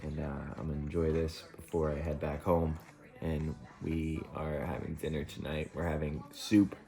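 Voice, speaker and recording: A man's voice: a bass voice, little pitch movement, moderate pace, gravelly, warm tone. A man talking casually to camera over a meal at his mother's home, upbeat and joking. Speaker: vlogger and ultrarunner. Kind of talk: casual vlog talk to camera.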